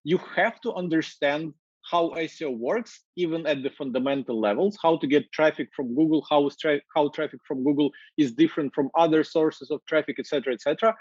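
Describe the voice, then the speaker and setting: A man in his thirties from Ukraine with a Ukrainian accent, speaking English in a casual, energetic interview with many fillers, over wireless earbuds on a video call. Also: a little high, husky, no room sound, dull audio. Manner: energetic, gestures while talking, many fillers. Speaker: marketing executive guest. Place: office with glass walls, indoors.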